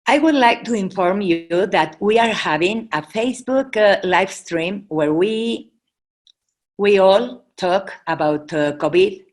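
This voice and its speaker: Speaking at a medium pitch, a native Spanish-speaking woman with a Mexican accent presents informally for the Red Cross. She pauses and stumbles at times while hunting for the right English words.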